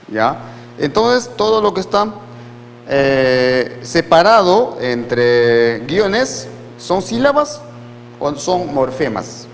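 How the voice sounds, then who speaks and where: Male language teacher, slightly high voice, deliberate pace, lecture in a reverberant hall with faint noise. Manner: slow, patient, repeats words and checks with students. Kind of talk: classroom lecture.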